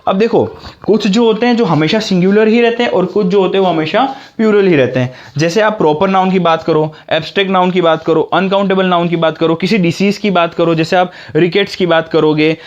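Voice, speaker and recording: High-voiced man teaching grammar. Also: brisk, lo-fi sound. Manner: explains step by step, asks himself questions. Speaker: English teacher. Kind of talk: classroom grammar lesson.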